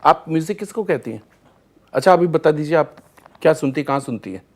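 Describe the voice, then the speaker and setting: A male singer, a guest on a talk show, telling anecdotes in an animated way and often laughing as he goes. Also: on the high side, fairly quick. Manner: lively storyteller, acts out scenes and laughs often.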